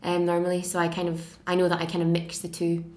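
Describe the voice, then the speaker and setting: A 21-year-old woman from Scotland with a Glasgow accent, reading a passage aloud in a measured, careful way and introducing herself. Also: fairly low pitch, monotone, a little mellow. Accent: Glasgow Scottish.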